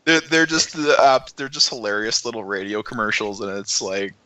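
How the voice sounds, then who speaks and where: A man's voice: lowish voice, expressive, fairly quick, noisy background. A man playing in a tabletop game, chatty and rambling, laughing easily. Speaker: player. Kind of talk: casual chat at a game table.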